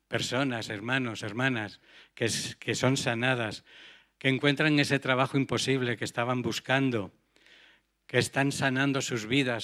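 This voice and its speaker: A man's voice: mid-range voice, a bit bright. Earnest male preacher. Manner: earnest, rhetorical questions to the congregation. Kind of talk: sermon.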